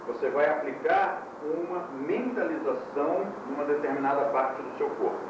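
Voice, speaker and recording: A man teaching a yoga class in a lecture style, explaining with quick demonstrations and light humor, heard from an old VHS tape recording. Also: a little high, far from the mic, muffled recording. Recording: old VHS tape, echoey room from afar, hiss.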